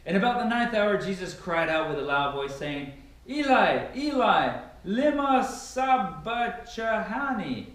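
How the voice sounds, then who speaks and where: A young man reads scripture dramatically, declaiming with emphasis in a high voice that swings widely in pitch, slow and slightly bright. A camera a few meters off captures him in a large, sparsely furnished living room that echoes heavily.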